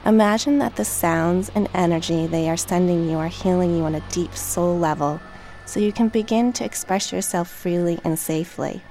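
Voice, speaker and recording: Meditation narrator: female, fairly low register with noticeable creak, soothing, unhurried and gentle delivery over background music. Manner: calm, gentle, measured. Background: relaxation track with music, dolphin and water sounds.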